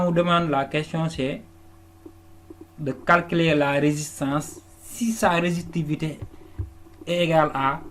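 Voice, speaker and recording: A man teaching a lesson, working patiently through an exercise step by step, often restarting words and checking that students follow. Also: on the high side. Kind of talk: classroom lesson walkthrough. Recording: faint background noise.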